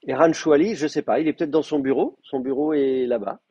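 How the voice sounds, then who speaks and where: A man teaching an advanced Hebrew class, explaining grammar with hesitant pauses, restarts and fillers. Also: on the high side, mellow, husky, no room sound. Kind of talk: classroom lecture. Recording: muffled, dry classroom recording.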